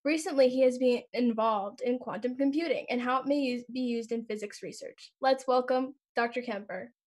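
High-voiced teen girl reading an introduction. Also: normal speed, a little mellow. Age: teens. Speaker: event coordinator introducing speaker. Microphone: laptop webcam on video call.

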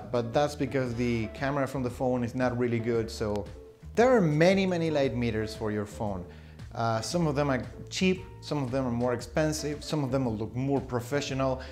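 A photography vlogger in his thirties chats casually to a camera framed close in front of him, inside a small room lined with shelves. His medium-pitched voice is a little mellow, and he explains things with fillers and little laughs.

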